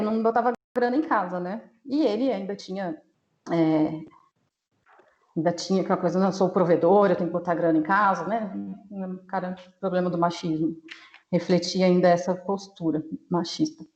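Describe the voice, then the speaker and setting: A woman from southern Brazil talks earnestly as a guest over a video call, circling back with fillers and restarts. Her mid-pitched voice sounds roomy and a little muffled. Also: darkish tone. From Rio Grande do Sul, Brazil. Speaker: guest, mental health blogger. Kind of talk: casual spoken explanation on a live stream. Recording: echoey room, muffled live-stream audio.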